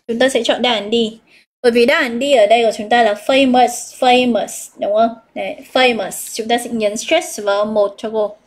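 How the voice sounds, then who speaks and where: A woman with a Northern Vietnamese accent leads a live English exam review, her voice a little higher than most. She explains each answer step by step, stretches out the key words and calls out what her students chose. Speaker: English teacher.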